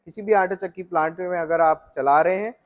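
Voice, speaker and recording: A middle-aged man with a fairly high voice walks through flour mill machinery for the viewer. He explains each part in a steady, technical way. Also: a little fast. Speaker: flour mill equipment seller. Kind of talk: explanatory product walkthrough.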